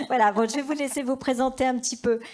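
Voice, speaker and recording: A woman's voice: high voice, steady tone, a little fast, darkish tone. A woman moderating a conference and introducing the next speaker in a light, playful way.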